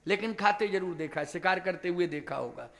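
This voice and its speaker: A man's voice: high voice, expressive, normal speed, vocal fry, a bit bright. A male preacher giving a devotional sermon who keeps asking the audience questions.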